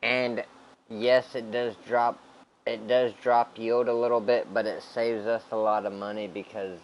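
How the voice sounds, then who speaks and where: A man casually commenting on his farming game in a flat, laid-back way, often saying "bro". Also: on the low side, unhurried, dull audio, slight background noise. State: hiccups. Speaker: gaming channel host.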